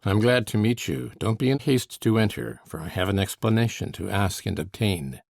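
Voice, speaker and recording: A man's voice: fairly low pitch, lively intonation, moderate pace, vocal fry, a little mellow, no room sound, studio quality. An actor playing a brooding, cruel middle-aged man who taunts menacingly and coaxes falsely. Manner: menacing, mocking, then falsely coaxing. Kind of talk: audiobook character reading.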